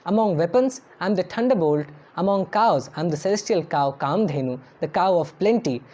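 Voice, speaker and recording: एक महिला जो धार्मिक श्लोकों को गाकर पढ़ती है और फिर उनका अर्थ शांत, नपे-तुले ढंग से पढ़कर सुनाती है।. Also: female voice, on the low side, animated, extremely slow, mellow. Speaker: scripture reciter and translator. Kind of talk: chanted verse recitation with read translation. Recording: dull lo-fi recording over faint instrumental music.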